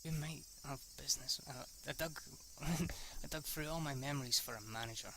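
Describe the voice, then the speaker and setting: Over a slight hiss or hum, a young man with a fairly high, sharp-toned voice haltingly reads a visual novel in a laid-back let's-read. He keeps tripping, going back to restart lines, and cursing when he slips.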